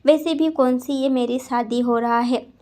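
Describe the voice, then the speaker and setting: A woman's voice: high voice, steady tone, measured pace, warm tone. A woman voicing an angry, tearful young female student who argues and pleads. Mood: defiant. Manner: defiant, pleading.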